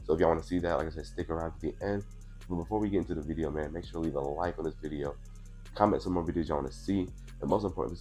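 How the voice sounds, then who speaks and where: His voice is very deep with a darkish tone. A young man in his twenties, slightly congested from allergies, he casually chats through a sneaker unboxing on a clip-on mic in a small indoor room under purple lighting. This laid-back, chatty vlogger says "you know what I'm saying" a lot.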